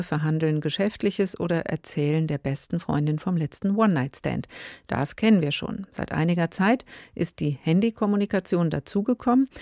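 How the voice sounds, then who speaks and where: A woman hosting a radio culture show, presenting a scripted program in a measured, articulate way. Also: fairly low pitch, warm tone, no echo, studio quality.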